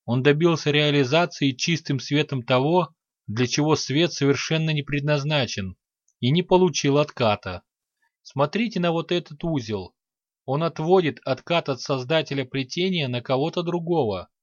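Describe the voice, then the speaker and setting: A man's voice: a little high, moderate pace, no room sound, dull audio, lightly acted. A man voicing a disgruntled, grumbling male mage in an audiobook.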